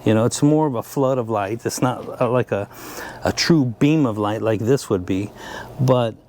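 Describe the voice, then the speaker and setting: A man hosting his own channel stands by a vehicle, showing its lights in a rambling, easygoing product review full of filler words. His mid-range voice has a darkish tone at normal speed, with slight background noise.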